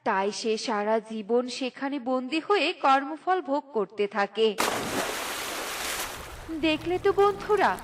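A woman storyteller reading scripted narration for a children's cartoon tale. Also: sits high. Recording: music under the voice.

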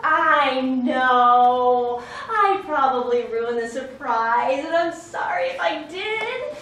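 A woman's voice: high-pitched, animated, takes it slowly, a bit bright, far from the mic, a little hiss or hum, full character voice. An actress playing an overeager, clingy young woman friend who gushes and talks over others, in a stage play. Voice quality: gushing, talks over others, nervous laughs. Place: theater stage. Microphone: far room mic. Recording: echoey stage recorded from afar.

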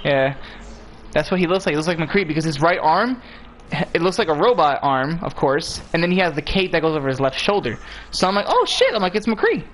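A man's voice: fairly high pitch, a little fast, fairly bright tone, slight background noise. A young man chatting casually while playing a video game, joking crudely and laughing often. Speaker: gamer. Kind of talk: casual chat while gaming, freestyle rapping.

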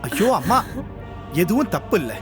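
An actor playing a worried young man in a television serial, urgently calming a crying mother. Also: high voice, moderate pace. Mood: reassuring. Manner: reassuring, urgent. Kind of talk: TV serial acting. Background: music score.

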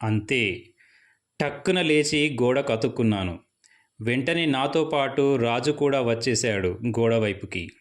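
A young man narrating a first-person ghost story in a steady, suspenseful storytelling manner. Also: mid-range voice, measured pace.

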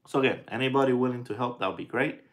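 A man in his forties hosting a casual live chat, talking in a halting way as he thinks aloud. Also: medium pitch. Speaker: pipe tobacco vlogger and live stream host. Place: small indoor room at home.

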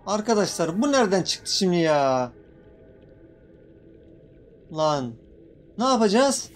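A high-voiced, excitable young gaming YouTuber speaks at a slow pace in casual Let's Play commentary. He's jumpy and playfully swears at the creatures in the game.

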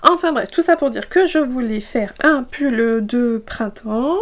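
A woman's voice: fairly high pitch, expressive, measured pace. A French woman hosting a knitting vlog, chatting casually and rambling with many fillers and asides. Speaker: knitting podcast host.

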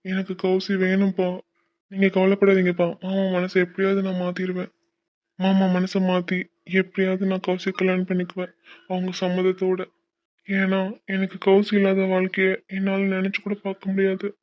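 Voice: medium pitch, completely flat delivery, normal speed, muffled recording, lightly acted. A voice actor playing a devoted young college man in a cartoon, pleading and affectionate.

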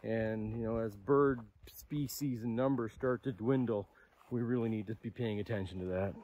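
A young adult man, a wildlife photographer, talking casually while hiking outdoors in open grassland, with a relaxed, halting delivery full of fillers. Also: fairly low pitch, muffled recording.

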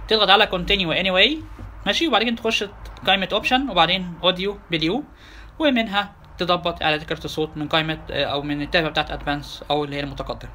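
An Egyptian-accented man runs a software lesson at a very fast clip. His voice sits high for a man and sounds bright and forceful. He keeps turning to his listeners with rhetorical questions. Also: a little hiss or hum. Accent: Egyptian Arabic. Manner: quick, chatty, addresses listeners directly with rhetorical questions. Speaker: software instructor. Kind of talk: tutorial lecture.

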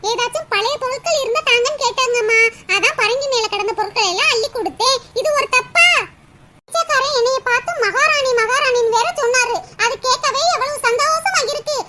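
Woman voicing a squeaky cartoon girl. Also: a little fast. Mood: chirpy. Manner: squeaky, giggly, pleading. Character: chirpy young girl, sweet and generous. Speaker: cartoon voice actor. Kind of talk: Tamil cartoon dubbing. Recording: loud background hiss.

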